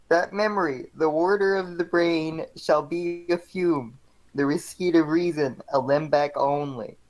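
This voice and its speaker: A woman reading the part of a scheming noblewoman in an amateur play reading, in a flat, halting way. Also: sits low, low-quality recording. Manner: flat, halting read-through of the lines. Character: scheming noblewoman urging her husband on.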